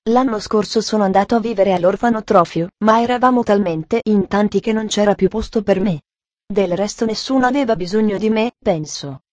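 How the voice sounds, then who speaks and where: A woman voicing a gruff, sullen ten-year-old orphan boy who mumbles curtly in a lowered voice, in a storybook reading. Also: fairly quick, a little mellow, dry recording, lightly acted.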